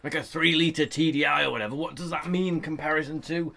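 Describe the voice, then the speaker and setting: A man's voice: a little high, steady tone, quick pace, gravelly, sharp tone. A man co-hosting a casual car news chat in a shed, joking and reading a press release aloud. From United Kingdom. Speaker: podcast co-host.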